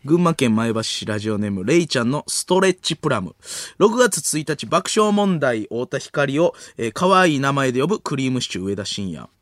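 A young man with a Kansai accent hosts a late-night comedy radio show and reads out listener letters. He talks in a quick, playful way with a very lively pitch. The sound is dry and close on a studio mic. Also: dry recording. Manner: quick, playful, breaks into giggles.

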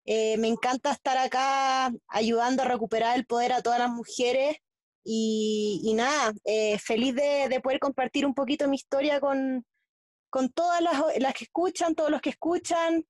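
A Chilean woman speaking as an interview guest, in a halting way with many restarts and fillers. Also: high-pitched, fairly even intonation, no echo. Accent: Chilean Spanish. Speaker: guest athlete. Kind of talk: casual interview talk.

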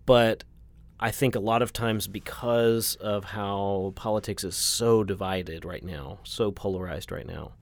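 A man's voice: lowish voice, steady tone, measured pace, no echo. A man hosting a casual conversation in a wry, winding way, with plenty of fillers.

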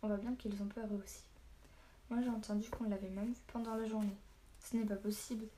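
A woman's voice: medium pitch, level tone, fairly quick, dark tone, a little hiss or hum, close to an everyday voice. A woman reading a fearful pockmarked miner. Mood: uneasy.

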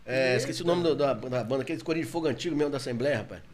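A man with a Brazilian Portuguese accent telling his story in a casual, animated chat, often laughing as he talks. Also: very fast, crowd noise. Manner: animated, laughing, gets louder and higher when excited.

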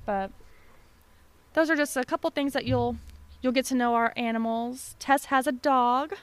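A woman's voice: high voice, moderate pace, smooth. A woman co-hosting a podcast in casual, chatty conversation, recorded at a desk mic at home. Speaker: podcast co-host. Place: home basement with no door. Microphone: desk microphone.

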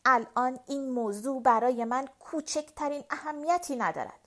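A woman's voice: sits high, fairly bright tone. A woman reading an audiobook, voicing a tense young woman who is curt and scornful. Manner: curt, scornful, then pleading. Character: young woman, tense and tearful before her engagement.

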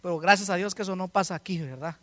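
A pastor preaching a sermon to his congregation, swinging between loud exclamations and hushed asides. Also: high-pitched, quick pace, no echo. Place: church.

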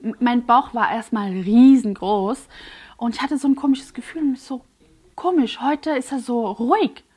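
A woman guest on a podcast telling a personal story in an earnest, emotionally charged way, halting with fillers and restarts. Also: on the high side, a little mellow, husky.

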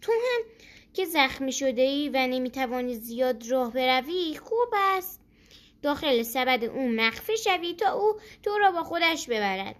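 Storybook rooster, kind and helpful, slow and explaining, high voice, as a woman puts it on. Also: sing-song. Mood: encouraging.

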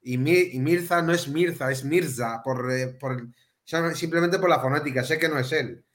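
A man's voice: medium pitch, moderate pace, a bit bright. A man co-hosting a casual chat, joking and swearing freely.

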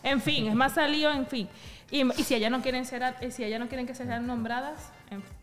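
A woman's voice: high-pitched, steady tone, a little fast, long reverb tail, soft background music. A woman from Venezuela, co-hosting a comedic podcast in a bossy, teasing way. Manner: bossy, teasing, laughs often. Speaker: podcast co-host.

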